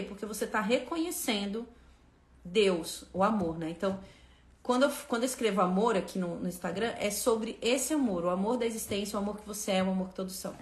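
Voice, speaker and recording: Woman doing a spiritual lesson on a live, emphatic, keeps repeating, talks right to viewers, roomy sound. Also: medium pitch. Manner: fervent, emphatic, repeats phrases, frequent asides to viewers. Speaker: spiritual live-stream host.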